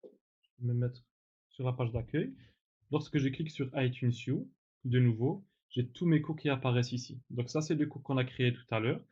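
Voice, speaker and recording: A man talks through a software demonstration like a teacher guiding his class. His voice is mellow and dark, and he often pauses for fillers and corrects himself. The recording sounds a little dull and lo-fi. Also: medium pitch, slightly rough. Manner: relaxed, with frequent fillers and self-corrections. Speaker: teacher giving a tutorial. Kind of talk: screen-recorded tutorial.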